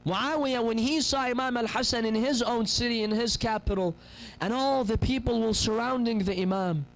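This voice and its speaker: A man's voice: very high-pitched, normal speed, a little hiss or hum, low-quality recording. A man in his thirties preaching a sermon from a pulpit chair into a gooseneck mic, telling stories with passion and acting out the people in them. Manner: impassioned storytelling, voices the people in his stories. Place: mosque hall, seated on a pulpit chair. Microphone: gooseneck microphone on a stand.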